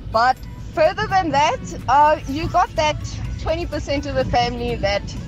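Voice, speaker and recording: A woman's voice: high-pitched, lively intonation, normal speed, faint music behind, poor audio. A woman leaving a voice note for a radio show, speaking frankly with hesitant ums. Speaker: caller voice note.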